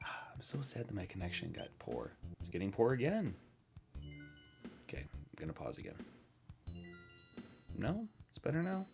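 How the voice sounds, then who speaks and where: A low-voiced man in his thirties chats his way through an old platform game, joking about himself and coaxing the little characters on screen. His pitch swings widely as he talks, and bright game music plays clearly behind him. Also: very animated, normal speed, pauses often. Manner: chatty, self-deprecating, talks to the game characters. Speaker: gaming streamer. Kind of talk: casual let's-play commentary. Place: home desk setup.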